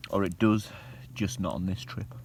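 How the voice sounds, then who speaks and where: A low-voiced man talks casually to the camera at a wild campsite, joking and savoring his food. He sits a little away from the mic, and faint outdoor ambience hums around him. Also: moderate pace, creaky, a little mellow, far from the mic, slight background noise. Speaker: outdoor camping vlogger. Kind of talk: casual talk to camera while cooking.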